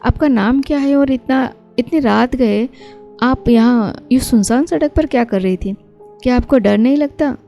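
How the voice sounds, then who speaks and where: A woman's voice: fairly high pitch, a little slow, dull audio, faint music behind. Woman voicing a playful young wife. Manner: playful, teasing. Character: young cheerful housewife who writes stories.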